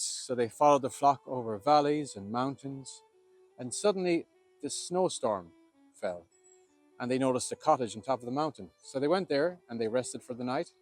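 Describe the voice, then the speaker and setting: An Irish man tells an old legend in a lilting storyteller's manner. His delivery is dramatic and spoken as oral tale-telling. Instrumental music plays faintly behind him. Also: mid-range voice. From Ireland.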